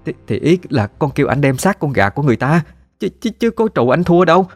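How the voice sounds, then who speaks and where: A man voicing a timid, frightened young wife, shrill and stammering. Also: lively intonation, fast talker, a little mellow, soft background music, lightly acted.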